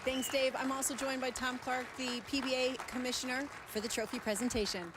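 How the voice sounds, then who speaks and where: A woman's voice: high voice, little pitch movement, fairly quick, a crowd in the background, background noise. A woman interviewing live as a sideline sports reporter. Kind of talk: live post-match interview.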